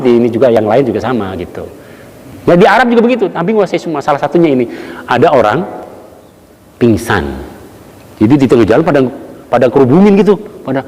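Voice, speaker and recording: A man giving a relaxed mosque study sermon, telling stories and acting out the people he quotes. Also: mid-range voice. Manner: casual storytelling, acts out quotes, chuckles. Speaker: preacher. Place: mosque hall. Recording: long hall reverb.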